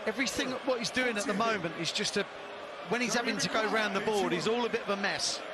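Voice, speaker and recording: High-voiced male darts commentator, loud crowd. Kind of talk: live sports commentary, conversational analysis. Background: noisy darts crowd.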